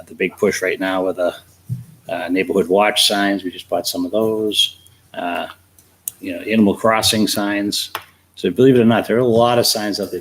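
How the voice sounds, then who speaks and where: A low-pitched man talks loosely through his department's spending, repeating himself and filling gaps with "you know". It sounds like a public meeting. Faint noise hums behind him. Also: rough recording. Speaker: town department head presenting. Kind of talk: casual budget explanation.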